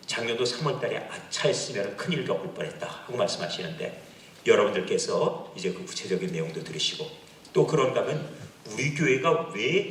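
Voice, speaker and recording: Earnest pastor man with lively pitch. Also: slight background noise. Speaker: senior pastor. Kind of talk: formal introduction of a guest. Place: church sanctuary. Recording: echoey room, distant mic.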